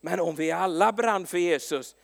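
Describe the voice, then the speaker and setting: A man preaching a sermon with a notably high voice, telling stories in a lively way and often restarting his sentences. His words ring with the long reverb of a large hall. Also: creaky. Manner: lively storytelling with frequent restarts and stumbles.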